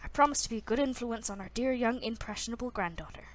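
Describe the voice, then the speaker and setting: A woman's voice: fairly high pitch, animated, fast, lightly acted. A woman voicing a playful, teasing older grandfather in an attempted Irish accent. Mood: sly.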